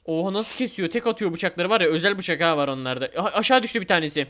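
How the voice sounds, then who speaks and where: Excitable young man, fast high commentary. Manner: excitable, shouts and repeats words rapidly. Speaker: gaming YouTuber.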